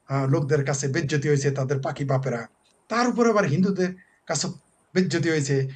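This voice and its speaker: A man's voice: a little high, breathy edge. A man, a talk show guest giving heated, scornful political commentary with mocking lists.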